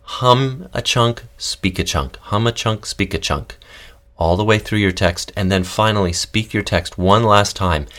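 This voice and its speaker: A man with a very low, deep voice leads a podcast voice lesson. He talks in a calm, guiding way and walks listeners through each exercise step by step. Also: measured pace. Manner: calm, guiding instructions with demonstrations. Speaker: voice and text coach.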